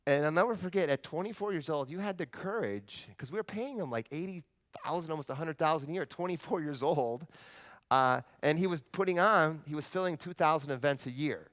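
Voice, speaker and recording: A man presenting at a live seminar, telling a story on stage in an animated, emphatic way. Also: on the high side, fairly quick.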